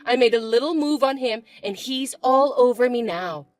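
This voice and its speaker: A woman voicing a spiteful, bossy young stepsister who talks in a shrill, mocking, shouty way. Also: animated, normal speed, no echo, natural voice. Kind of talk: chat-story voice acting.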